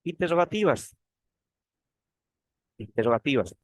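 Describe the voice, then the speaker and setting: A teaching assistant gives an online grammar lesson in a fairly high, very animated voice, talking a little slowly. He explains patiently and keeps tagging his phrases with questions. The recording is dry.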